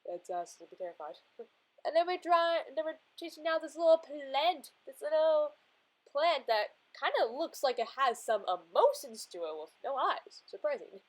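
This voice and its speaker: A woman's voice: sits high, big pitch swings, moderate pace, poor audio. A young woman chatting casually as she draws in a sketchbook, giggling often and calling everything little and cute. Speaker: art vlogger. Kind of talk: casual drawing narration.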